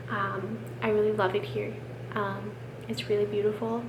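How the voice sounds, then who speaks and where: A young American woman vlogs casually to camera from a room at home, rambling and poking fun at herself. She's sick with a swollen sore throat, so she keeps her voice hushed and sometimes drops to a whisper. Her voice is mid-range and level at a moderate pace, and the roomy, noisy recording sounds muffled.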